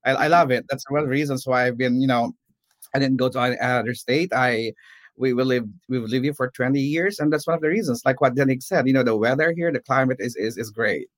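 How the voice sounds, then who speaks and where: A middle-aged man from the Philippines, a nurse and professor, talking as a guest in a casual interview with many pauses and restarts. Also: mid-range voice, no echo. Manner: hesitant, many fillers and restarts.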